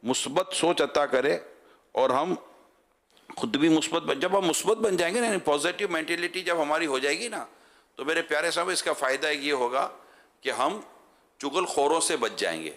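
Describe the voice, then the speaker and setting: A male preacher in full sermon mode, his voice sitting a little higher than most men's. He talks lively and rhetorically, throwing questions at the crowd. He often breaks into loud chanted slogans for the audience to repeat. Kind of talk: religious sermon to a gathering.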